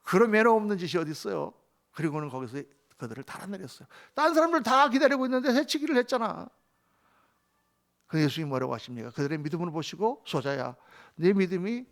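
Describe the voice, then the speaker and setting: Pastor guy preaching, pretty high voice, keeps throwing questions at the crowd. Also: fairly bright tone. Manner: emphatic preaching, asks the congregation questions. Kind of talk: sermon.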